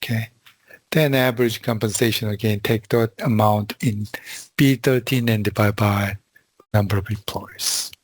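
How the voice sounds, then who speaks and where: A man teaching a class over a video call, walking through spreadsheet formulas in a slow, halting way with frequent fillers. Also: fairly low pitch, fairly even intonation, dry recording. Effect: heard over a video call. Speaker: instructor. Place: video call from a quiet room. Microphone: computer mic on a video call.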